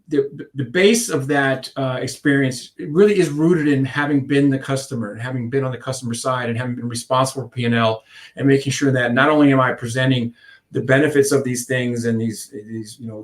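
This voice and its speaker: Answering interview questions, this Icelandic contact centre consultant in his fifties rambles, restarting often and using lots of fillers. His voice is of medium pitch.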